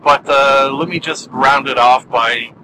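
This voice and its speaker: A man's voice: medium pitch, fairly even intonation, unhurried, background noise. A man giving a casual spoken review, rambling and self-deprecating, with many fillers and restarts.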